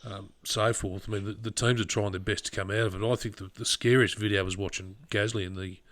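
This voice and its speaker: A male podcast co-host chats about motorsport in a relaxed, casual way, his voice fairly low. He keeps the talk moving along and brings in the next topic. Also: fairly quick, no room sound.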